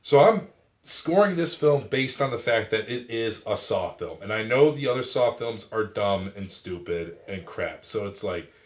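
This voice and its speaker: A man's voice: fairly low pitch, animated, moderate pace. A man in a casual film review chat, retelling scenes with laughter and swearing freely.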